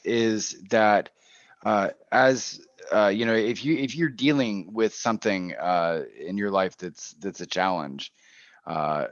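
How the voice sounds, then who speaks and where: A male panel host who talks in a loose, halting way, repeating words as he works toward each question. His audio is muffled and dry, like an online call. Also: on the low side, no room sound. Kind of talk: casual livestream panel interview.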